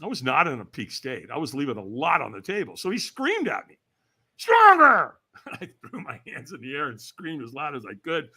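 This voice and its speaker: A man's voice: medium pitch, very animated, fairly quick, creaky, few pauses, pushed and bright, slightly rough. A man in his sixties from California, a podcast guest telling a story with energy, acting out the voices he quotes and laughing as he goes. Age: 60s. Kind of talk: animated storytelling.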